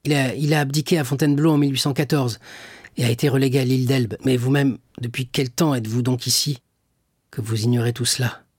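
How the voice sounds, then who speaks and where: A man voicing a young sailor locked in prison, crying out and pleading in a raised, raspy voice. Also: mid-range voice, steady tone, fast, no room sound, clean studio sound, natural voice. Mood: anxious. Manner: crying out, pleading, eager answers.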